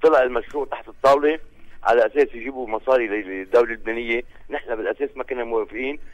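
A man's voice: medium pitch, very fast, dry recording, muffled recording. A Lebanese man, a union leader calling in to a radio show, speaking firmly and listing figures. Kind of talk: radio phone-in statement.

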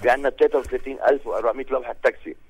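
A man's voice: medium pitch, fairly even intonation, racing, vocal fry, a little mellow, husky, no room sound, poor audio. A Lebanese man, a union leader calling in to a radio show, speaking firmly and listing figures. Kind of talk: radio phone-in statement.

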